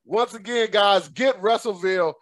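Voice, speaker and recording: A man hosting a casual podcast interview, upbeat and full of slang, often breaking into laughter. His voice sits high, and it is recorded close and dry with no room sound. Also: moderate pace, no room sound. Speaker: podcast host.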